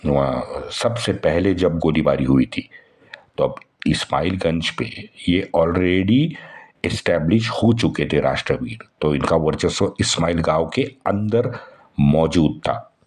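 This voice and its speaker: A middle-aged man telling a history story in a slow, unhurried way, pausing often with fillers and asking his listeners questions. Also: a bass voice, a little mellow. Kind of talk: spoken history narration.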